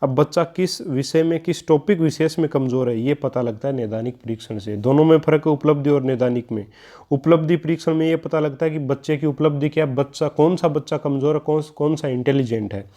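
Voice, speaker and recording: A man's voice: on the high side, brisk, warm tone. A man, teaching an online exam-prep lesson and explaining each answer step by step to the listeners he calls friends.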